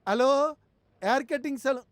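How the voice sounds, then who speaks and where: An actor playing a bumbling, fearful police constable who stammers and talks nervously, from a dubbed film. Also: male voice, extremely high pitch, a little slow, dry recording. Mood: nervous chatter. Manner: nervous, stammering, eager to please.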